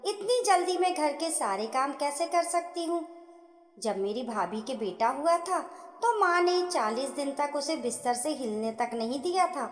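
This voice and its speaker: Woman voicing a tired young mother, soft pleading tone, high lilting voice, echoey room. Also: expressive, unhurried. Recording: echoey room with long reverb.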